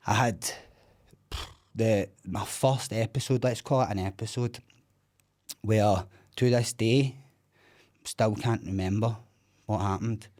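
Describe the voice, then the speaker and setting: In casual interview talk, a self-described loudmouth from Scotland, in his thirties, recounts his story with candor, bluntness, and lots of swearing. He speaks in a mid-range voice.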